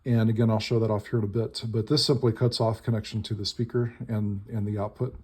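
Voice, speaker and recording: Button clicks and electronic toy noises sit behind a very noisy recording full of device buzz and clicks as a man walks through his modified electronic instrument. His voice is fairly low and darkish with a breathy edge, delivered flatly and fairly quick. He explains casually and hands-on, piece by piece, in short, tentative phrases.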